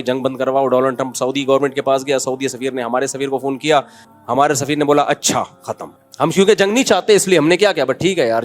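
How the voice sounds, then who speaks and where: A man preaches in a conversational, scolding tone. He slips into high-pitched imitations of other people. His voice sits a little high, with faint music behind it. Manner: informal, scolding, mimics others with sudden high-pitched quotes. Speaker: Islamic scholar giving a sermon. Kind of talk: conversational religious lecture.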